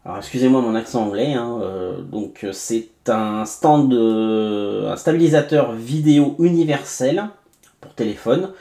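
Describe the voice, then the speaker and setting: A man's voice: mid-range voice, measured pace, gravelly, dark tone. A man hosting a casual unboxing review, chatty, with many fillers and asides to viewers. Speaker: tech reviewer host. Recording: echoey room, faint background noise.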